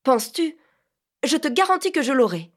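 A woman reading aloud voices a bold, fierce teenage girl who talks in a sharp, defiant, shouting way. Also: high-pitched, big pitch swings, moderate pace, pitched above the performer's own voice.

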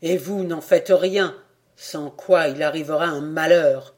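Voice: medium pitch, steady tone, unhurried, close to an everyday voice. An audiobook reader voicing a proud peasant father answering with barely held anger. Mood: angry. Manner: tense, angry. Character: angry proud peasant father, fists clenched.

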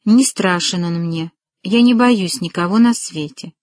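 A woman's voice: mid-range voice, a little slow, a little mellow, no room sound, lightly acted. A woman reading an earnest young suitor. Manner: tender, resolute.

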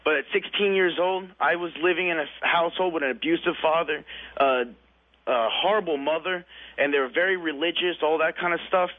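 A man's voice: a little high, fairly quick. A man in his twenties calling in to a radio show, talking casually and bluntly, saying "dude" and "man" a lot. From California. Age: 20s. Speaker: caller. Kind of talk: phone-in radio call. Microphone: telephone. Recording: phone line on radio.

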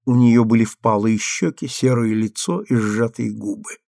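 A man reading a literary novel aloud in a measured, expressive narration. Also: on the low side, gravelly, no room sound, clean studio sound. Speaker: audiobook reader.

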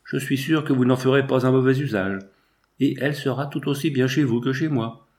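A man's voice: mid-range voice, fairly quick, darkish tone, natural voice. A man voicing an eager, impulsive young painter in an audiobook. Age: young adult.

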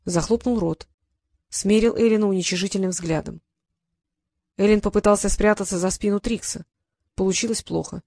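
A woman reading an audiobook story in an even storytelling manner. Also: medium pitch, normal speed, pauses often, dry recording, clean studio sound. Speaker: narrator. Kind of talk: audiobook narration.

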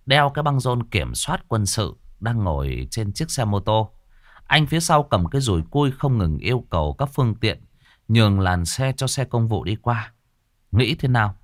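A male storyteller narrates a ghost story with a lively, rising and falling delivery. He is recorded close on the mic with a dry, bare sound. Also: fairly low pitch, no room sound. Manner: animated storytelling, playing several characters.

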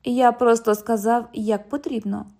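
A woman's voice: a little high, fairly even intonation, measured pace, warm tone. A woman reading an audiobook, voicing a formal, patient young male police officer.

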